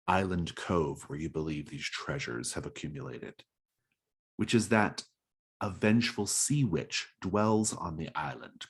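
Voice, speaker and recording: A man runs a tabletop game as game master. His voice is deep and breathy, and he narrates at an unhurried pace.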